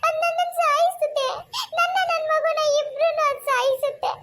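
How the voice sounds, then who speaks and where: A panicked young pregnant wife in a cartoon begs for help in a piercing, very high voice. She pleads frantically and without pause. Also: fairly even intonation, a bit bright, slight background noise. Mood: frantic pleading.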